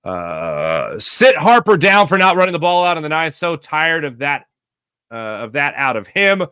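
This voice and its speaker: A man hosting a casual sports podcast, reading viewer chat with sarcastic, animated commentary. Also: normal speed, clear, resonant tone, no echo, clean studio sound. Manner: reads ad copy with big pitch swings. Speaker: podcast host.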